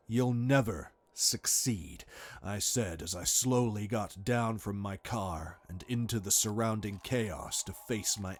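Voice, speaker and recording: A man's voice: on the low side, slight background noise. Man narrating a dramatic horror story.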